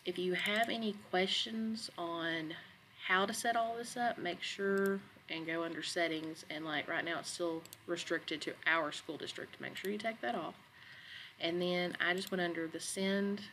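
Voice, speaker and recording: A woman educator narrating a screen-recorded software tutorial in a relaxed, conversational way with some fillers. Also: lowish voice, slight background noise, rough recording. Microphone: computer microphone, voice-over on screen capture.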